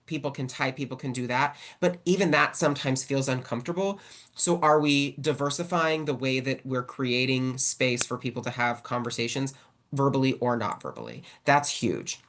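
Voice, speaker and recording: A woman giving a casual webinar talk as a guest presenter, talking in a chatty way with lots of "like". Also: a bass voice. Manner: chatty, fills with "like". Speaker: guest presenter on sexual violence support.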